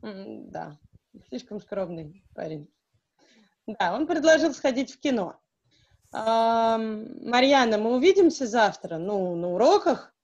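A woman teaching French, reading a graded reader aloud slowly and explaining it in Russian. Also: a little high, big pitch swings, darkish tone. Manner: slow, careful reading with pauses to translate. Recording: dull, lo-fi recording.

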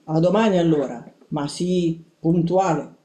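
A woman plays a gruff old grandpa mouse from a children's storybook, booming and commanding as he barks his orders. The tone is dark and mellow, and the room adds an audible echo. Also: a little slow. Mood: bossy. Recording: roomy echo.

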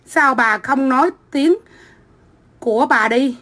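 A middle-aged woman from Vietnam, ranting into her phone on a livestream. Her voice sits high and cuts bright and sharp as she hurls foul-mouthed, combative insults. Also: takes it slowly. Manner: profane, combative, shouting insults. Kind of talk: angry livestream rant.

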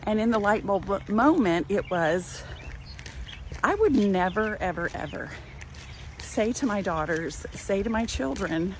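A woman's voice: mid-range voice, animated, measured pace, poor audio. An older woman talking in a casual, encouraging way to her viewers as she walks outdoors, filming herself with a phone at arm's length. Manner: warm, encouraging, chatty. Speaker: cooking channel host. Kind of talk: casual walking vlog. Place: outdoors in a parking lot. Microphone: phone held at arm's length. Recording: outdoor phone audio with clear background noise.

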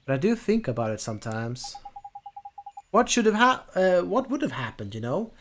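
A man's voice: high voice, big pitch swings, normal speed, fairly bright tone, a little hiss or hum. A man playing a video game who reads every character's lines aloud himself, with some asides of his own. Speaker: lets-play streamer. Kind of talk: reading game dialogue aloud.

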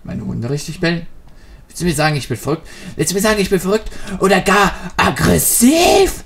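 A man's voice: sits high, sing-song, fairly quick, creaky, husky. A man hosting a Let's Play, commenting on the game with jokey, rambling free association. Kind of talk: joking gameplay commentary.

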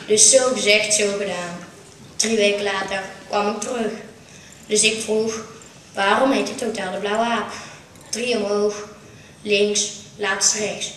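A woman's voice: mid-range voice, a bit bright, a little hiss or hum. A woman with a Brabant Dutch accent performing a comic stage monologue at a carnival show, telling a story full of punchlines. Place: small theatre stage. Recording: roomy, distant amateur stage recording.

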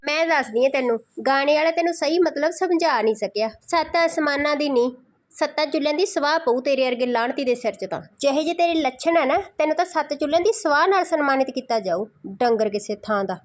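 A woman's voice: sits high, fast talker. A woman giving mocking, insulting roast commentary in a scolding, sarcastic tone.

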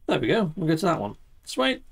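A middle-aged man hosts a casual gaming YouTube stream while seated at his indoor home setup, exuberant and full of playful catchphrases. His voice sits a little high with wildly swooping pitch, a slightly fast pace, vocal fry and a slightly rough texture.

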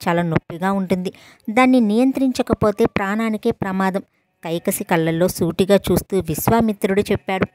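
A woman reading a novel aloud as an audiobook narrator, in a steady storytelling manner, voicing the characters' dialogue in her own voice. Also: mid-range voice, a little fast, dry recording.

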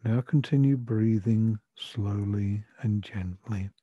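An older man with a soft, breathy voice gently guiding a breathing and relaxation meditation in soothing, measured instructions. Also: fairly low pitch, no room sound. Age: 60s or older. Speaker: relaxation therapy guide. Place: furnished room at home. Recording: dull lo-fi sound, music behind. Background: music.

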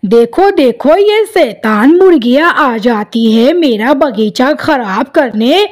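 A woman voicing a cranky, scolding old grandmother sparrow in a cartoon, shouting at the hens in her garden. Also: high voice, lively intonation, slow. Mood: angry shouting. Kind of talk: cartoon voice acting.

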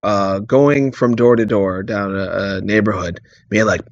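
A man improvising an animated comic story on a podcast, bursting into laughter. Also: lowish voice, measured pace, no room sound, muffled recording. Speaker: comedy podcast host.

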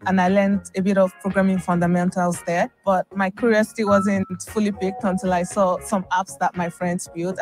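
A woman in her thirties, a software engineer, speaking calmly in a scripted promo testimonial outdoors. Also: mid-range voice. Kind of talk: scripted interview-style testimonial. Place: outdoor city courtyard.

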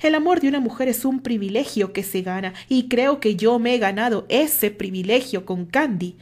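A woman's voice: on the high side, animated, moderate pace, darkish tone. Woman voicing Richard, a firm, mocking rival. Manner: firm, cutting delivery. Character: self-assured man, firm and mocking rival.

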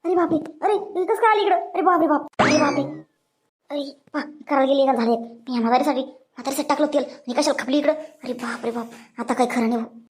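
A high, anxious old mother-in-law in a cartoon story, voiced by a woman, wailing and pleading. Her voice is shrill and keeps rising. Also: fast talker, slight background noise, close to an everyday voice. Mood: alarmed. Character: worried older mother-in-law, tearful.

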